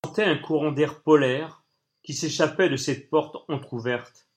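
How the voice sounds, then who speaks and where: A man narrating an audiobook in an even, measured reading voice. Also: a little high.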